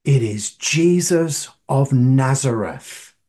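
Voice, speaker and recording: A man delivers a sermon in a husky voice, his pitch rising and falling in a lively way. He speaks slowly and keeps asking his listeners direct questions, with strong emphasis. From northern England. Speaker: preacher.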